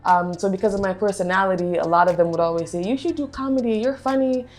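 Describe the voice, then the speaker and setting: A woman's voice: mid-range voice, fast, a little mellow. Young woman chatting with faint music. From Pennsylvania, United States. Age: young adult. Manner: chatty, laughs often, fillers like um and you know. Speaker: guest. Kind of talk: casual interview chat.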